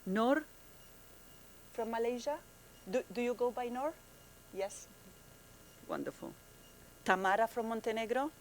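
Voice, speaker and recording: With a fairly high pitch and a little hiss or hum in the recording, a female program manager delivers a friendly conference presentation in a conference room, stopping often for fillers and restarts.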